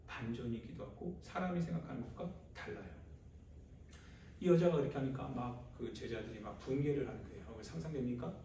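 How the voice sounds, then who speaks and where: A male pastor preaching a sermon, moving from quiet storytelling to loud, impassioned outbursts. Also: medium pitch, brisk, a little hiss or hum. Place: church sanctuary. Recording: very echoey church hall, from far off.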